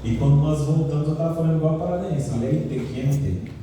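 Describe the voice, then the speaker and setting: A man's voice: fairly high pitch, quick pace, music in the background. A man in his thirties from São Paulo with a São Paulo accent, teaching a Sabbath school Bible lesson and quizzing his class as he goes. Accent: Brazilian Portuguese, São Paulo. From São Paulo state, Brazil. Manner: asks the class questions and answers them, animated storytelling. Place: large church hall. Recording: echoey hall recorded from a distance.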